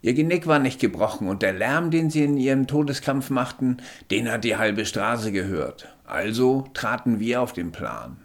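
A man voicing a brisk, sarcastic male paramedic who is proud of his work, in a read-aloud story. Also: medium pitch, expressive, pitched above the performer's own voice, lightly acted. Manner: sarcastic, matter-of-fact. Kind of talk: audiobook character voice.

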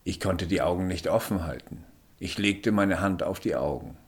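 A man reading a first-person story aloud in a measured, introspective way. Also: low-pitched. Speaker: narrator. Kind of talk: first-person audiobook narration.

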